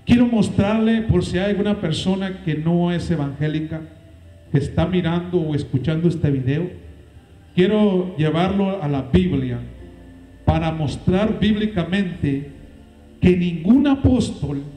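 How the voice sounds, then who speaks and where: A man preaching a sermon as pastor, with dramatic swings in pitch and loudness. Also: measured pace, roomy sound, faint music behind, low-quality recording. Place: church.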